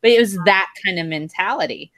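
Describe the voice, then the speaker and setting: A woman's voice: medium pitch, a little fast, fairly bright tone. A young woman on a video call, telling a personal story animatedly, laughing often and swearing when heated. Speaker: panel guest. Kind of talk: casual group video chat.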